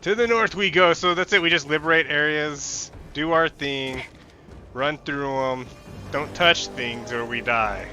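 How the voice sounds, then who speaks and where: A man playing a video game as a newcomer, chatting casually and blurting out excited reactions, his voice sounding as if inside a helmet. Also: on the high side, a little slow. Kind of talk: casual gameplay chat and reactions. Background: game music, gunfire and explosions.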